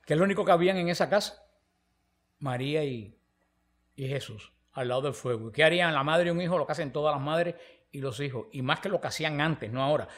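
Man, preacher, teaching talk, animated storyteller, acts out dialogue, fairly high voice. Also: fast.

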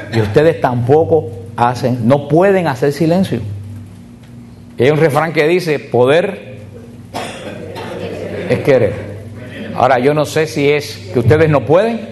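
A man's voice: medium pitch, darkish tone, a little hiss or hum. Man preaching to a retreat group. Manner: speaks to a group, direct and repetitive, slowing on key words. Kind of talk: sermon.

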